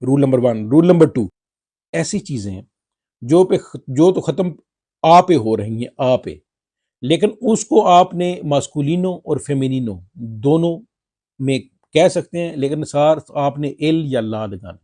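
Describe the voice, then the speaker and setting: Slow, dark-voiced man teaching Spanish. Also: on the high side, animated. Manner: spells out words and repeats them slowly. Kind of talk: slow spoken language lesson.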